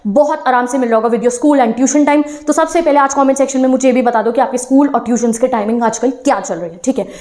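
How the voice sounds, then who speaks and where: A woman's voice: high voice, fairly quick, few pauses, a little mellow. A young woman teacher giving an encouraging talk to exam students, switching between Hindi and English phrases. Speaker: online teacher.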